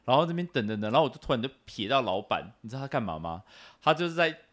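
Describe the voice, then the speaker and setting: Lively fast-talking man storyteller. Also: mid-range voice. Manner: animated storyteller, acts out voices in quotes. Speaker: podcast host. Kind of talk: casual chat.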